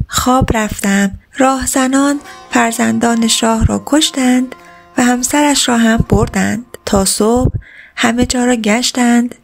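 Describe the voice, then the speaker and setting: A woman's voice: fairly high pitch, creaky. A woman reading a folk tale aloud as scripted narration, voicing the characters' lines within the telling. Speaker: storyteller. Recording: narration with background music.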